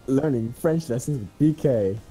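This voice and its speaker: A young man hosts a co-op gameplay video for his gaming channel, chatting playfully with a friend, giggling, and squealing for fun. His mid-range voice has a dark tone and moves at a normal speed. Soft music plays behind him, and the recording is rough.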